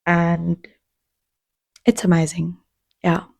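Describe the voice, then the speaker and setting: A woman hosting a solo podcast, speaking slowly with a low, gravelly fry in her voice. She talks in a heartfelt, reflective way, pausing and restarting as she goes. The sound is dry and close. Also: little pitch movement, a little mellow, no room sound. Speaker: podcast host. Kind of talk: casual solo podcast talk.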